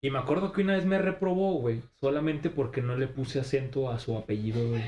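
A man's voice: medium pitch, fast talker, a little mellow, roomy sound. A young man with a Mexican Spanish accent telling a story in casual chat, full of slang, laughing often and acting out the voices of the people in it.

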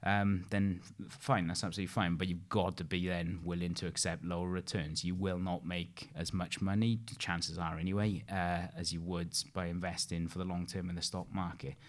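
Deep-voiced British man explaining informally. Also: level tone, moderate pace, hardly any pauses. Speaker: interview guest, investment expert. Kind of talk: conversational explaining.

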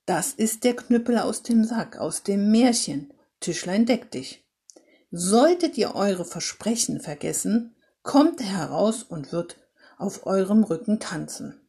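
A woman's voice: mid-range voice, animated, slow pace, vocal fry, warm tone, breathy edge, exaggerated voice. A woman voicing a stern but kind old Santa Claus in a read-aloud story, speaking firmly and scolding. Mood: warning. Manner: firm, scolding.

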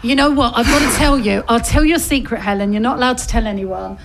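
High-voiced woman hosting radio chat. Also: fast talker, slight background noise. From Essex, England. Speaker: radio host.

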